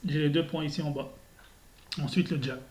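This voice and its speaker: A man teaching a beginner Arabic lesson, reading syllables slowly and deliberately and clearing his sore throat often. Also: fairly high pitch, steady tone, a little mellow.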